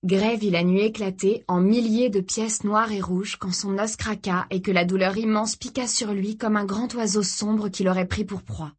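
A woman giving a steady, dramatic scripted narration of an audiobook. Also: mid-range voice, moderate pace, hardly any pauses, breathy edge.

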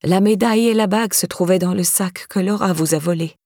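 A woman's voice: medium pitch, fairly quick, darkish tone, dry recording, studio quality, natural voice. A woman voicing an older neighbour with a firm, insistent, accusing manner. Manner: insistent, pressing.

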